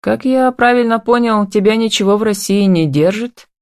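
A woman's voice: medium pitch, moderate pace, a little mellow, no room sound, pitched above the performer's own voice, lightly acted. A woman reading an audiobook and voicing a confident, wealthy businessman who teases and gives orders in a drawling, playful way, recorded dry and close.

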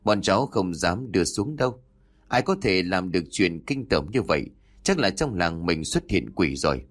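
A man voices a fearful young villager who refuses a grim task. The voice stays near his own low register. It is a figure in a spoken horror story. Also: animated, moderate pace. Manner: fearful, complaining. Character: frightened young male villager.

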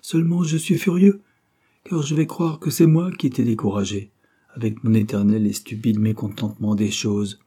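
A man voicing a tormented, self-doubting male novelist in a feverish, rising declamation, his voice dark and husky. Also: fairly low pitch, moderate pace, close to an everyday voice. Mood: troubled.

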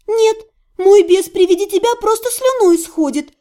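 Brief: woman reading a fierce, sarcastic young sorceress for an audiobook, voice raised high, dark timbre. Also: moderate pace. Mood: biting. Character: sharp-tongued young female mage heroine.

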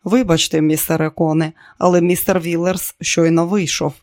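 A woman's voice: on the low side, steady tone, moderate pace, a little mellow, no echo, studio quality, close to an everyday voice. An audiobook reader voicing a female secretary who answers the phone in a polite, formal way.

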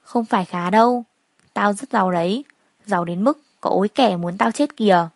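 Give me a wealthy, cool-headed young man who speaks calmly and firmly, with a hint of mockery, as a woman narrator puts him on. His protective streak shows in the steady way he talks, and the voice is dry and close. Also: mid-range voice, moderate pace, no room sound, natural voice. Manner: calm, firm, faintly mocking.

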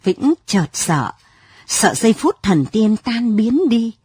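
A woman narrating a late-night story in a soft, lyrical, unhurried reading. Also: fairly high pitch, big pitch swings, husky, no echo, studio quality.

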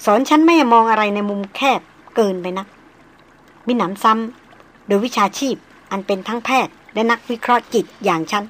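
A woman reading the part of a refined, self-assured young woman doctor, speaking slowly and deliberately. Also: medium pitch, natural voice. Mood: musing. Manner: slow, measured, deliberate. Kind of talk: audiobook character reading.

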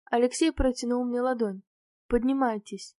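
A woman reading a novel aloud in the first person, with clear, expressive storytelling. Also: on the high side, a little fast, dry recording, clean studio sound. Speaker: audiobook narrator.

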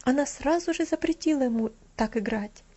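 A woman narrating a children's storybook in a steady, expressive way. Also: high voice, brisk. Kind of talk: storybook reading. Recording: dull lo-fi audiobook recording.

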